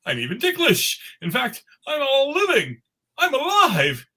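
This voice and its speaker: A man voicing a cheerful, naive snowman who has come to life, with a raspy voice and innocent, exclaiming delivery, in a live cartoon script reading. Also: extremely high pitch, huge pitch swings, a little slow, sharp tone, exaggerated voice. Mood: amazed, delighted. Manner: wide-eyed, exclaiming, innocent.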